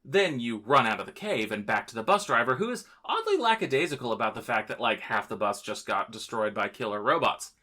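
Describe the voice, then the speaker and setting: A man hosts a history podcast, reading his script with playful jokes and theatrical asides. His pitch swings widely as he narrates, and his tone is bright and forward. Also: very animated, a little fast, few pauses. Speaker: podcast host.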